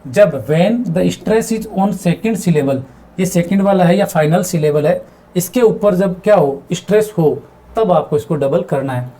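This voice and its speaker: A man's voice: high voice, a little slow, warm tone. A man teaching English grammar in a video lesson, repeating words and asking himself questions as he explains. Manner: mixes English terms into his explanations.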